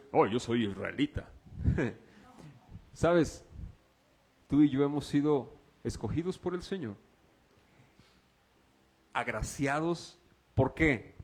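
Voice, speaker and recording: A man with a Mexican accent preaching a sermon as pastor. He asks the congregation rhetorical questions and swings between loud, raised passages and quiet, low ones.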